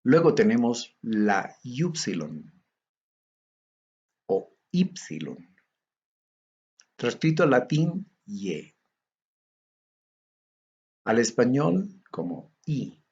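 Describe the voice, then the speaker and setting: A man from Bolivia giving a recorded theology lecture, going methodically through tables of Greek letters in a slow, measured way. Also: medium pitch, big pitch swings, darkish tone, breathy edge, dull audio.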